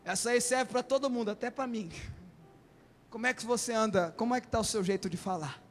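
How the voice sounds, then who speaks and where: A man preaching a sermon as a bishop, impassioned and often shouting in a church hall. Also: very high-pitched, brisk. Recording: long hall reverb.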